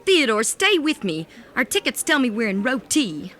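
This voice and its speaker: A woman voicing a calm aunt in a children's radio play, gently correcting her nephew. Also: fairly high pitch, moderate pace, soft background music. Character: patient grown-up aunt.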